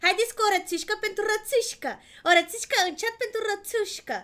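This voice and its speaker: A woman live-streaming in casual chat with her viewers, excitable, swinging between loud outbursts and quiet murmurs and gushing thanks to donors. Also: very high voice.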